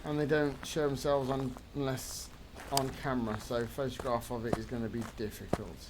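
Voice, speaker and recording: A man's voice: mid-range voice, little pitch movement, normal speed, noisy background. Wry man explaining game rules. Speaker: game streamer. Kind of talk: casual gameplay chat.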